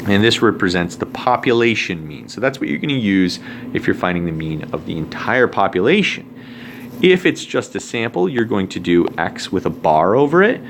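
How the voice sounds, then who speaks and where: With a faint room hum behind him, a male math teacher explains a recorded lesson at normal speed. His low voice is sing-song, swinging up and down, and he keeps things casual with joking asides while writing.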